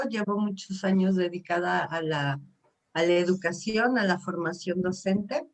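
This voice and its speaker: A woman, a psychologist, introducing herself on a video call in an earnest, lively manner. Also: mid-range voice. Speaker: psychologist, class participant. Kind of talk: casual self-introduction.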